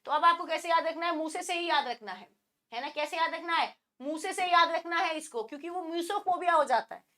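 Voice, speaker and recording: A woman teaching an online exam-prep class, teasing her students and peppering them with quick questions. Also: extremely high pitch, sharp tone. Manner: playful and teasing, imitates animal sounds; asks the class many rhetorical questions.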